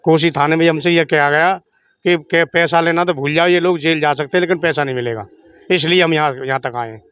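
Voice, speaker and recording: A man's voice: a little high, fairly quick, fairly bright tone, clean tone, dry recording. A man, interviewed as a fraud victim, complaining earnestly and firmly.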